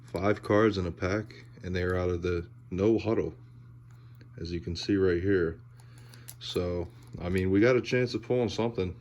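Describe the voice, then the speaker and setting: A man giving casual, laid-back commentary as he opens card packs, halting and trailing off, with audible heavy breathing. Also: low-pitched, a little mellow, highs cut off, a little hiss or hum. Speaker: host of a sports card pack-opening video.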